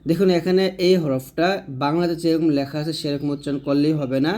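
A man teaching Arabic letter pronunciation, patiently repeating each sound slowly for learners to copy. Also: a little high, steady tone, warm tone. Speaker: Quran reading teacher. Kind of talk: step-by-step pronunciation lesson.

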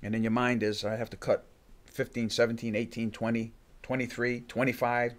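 This older man, a fight coach, has a medium-pitched voice with little pitch movement. Talking casually in an interview at a bookshelf-lined podcast studio, into a studio mic on a boom arm, he halts and restarts his sentences often, voicing what his fighters are thinking.

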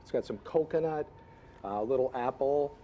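A man's voice: medium pitch, moderate pace, dull audio, a little hiss or hum. A male chef describing dishes in a live interview, speaking plainly with many fillers. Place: restaurant dining room.

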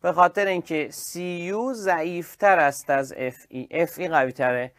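A man teaching an online chemistry class, lively and praising his students by name. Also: a little high, dry recording, clean studio sound.

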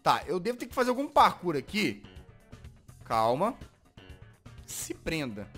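With faint music in the background, a man with a Brazilian Portuguese accent hosts a Minecraft parkour gaming video, his commentary excitable as he shifts between muttering and frustrated yelling. He speaks at a measured pace in a fairly high voice.

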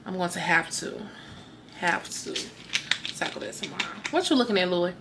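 A young woman vlogger chats casually to the camera at home at night, tired and rambling, often trailing off to herself and talking to her dog as well. Her voice is fairly low with lively intonation at a moderate pace. The background is noisy.

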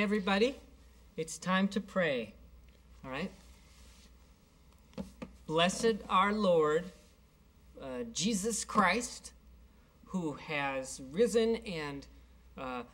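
A man's voice: high-pitched, animated, slow, pauses often, a bit bright, full character voice. A man playing a flustered young dinner host. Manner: hesitant, full of uhs. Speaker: actor. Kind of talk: sitcom acting. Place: studio set.

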